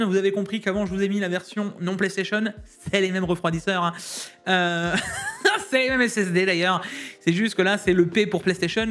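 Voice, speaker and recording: A man's voice: high-pitched, fairly bright tone. A man from Alsace giving a casual, slangy rundown of tech deals to his viewers, laughing often. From Alsace, France.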